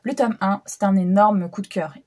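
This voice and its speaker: Husky-voiced young woman chatting about books. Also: medium pitch, normal speed, a little mellow. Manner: chatty, lots of hesitation fillers, addresses viewers directly. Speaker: book reviewer. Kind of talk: casual book review chat.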